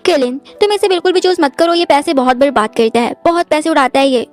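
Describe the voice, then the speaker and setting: A woman's voice: high-pitched, fast, soft background music, close to an everyday voice. A woman reading a scornful greedy older brother.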